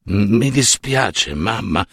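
Man as a subdued, hesitant blacksmith god, low voice, dry sound. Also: lively intonation, takes it slowly, husky, no room sound, heavily acted. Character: hoarse lame blacksmith god, shy son.

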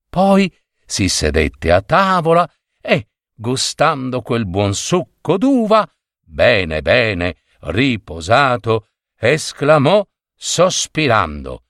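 A man's voice: fairly low pitch, a bit bright, dry recording, studio quality. A man narrating a fairy tale expressively, with playful asides. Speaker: storyteller.

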